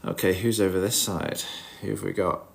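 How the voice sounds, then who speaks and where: Low, creaky and nasal from a cold, this man's voice keeps fairly even intonation at normal speed over slight background noise. He hosts a livestream, greeting viewers informally while looking over his fish tank and muttering asides.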